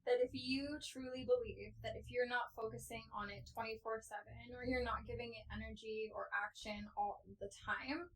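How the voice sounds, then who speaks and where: Woman, podcast co-host, tearful, candid, fairly high pitch. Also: fairly even intonation, normal speed, few pauses, low-quality recording. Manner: open, emotional, talks through tears. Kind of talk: casual chat.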